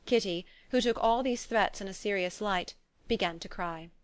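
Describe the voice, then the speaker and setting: A woman narrating an audiobook in a measured, even reading voice. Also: medium pitch, smooth, no room sound. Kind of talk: scripted narration.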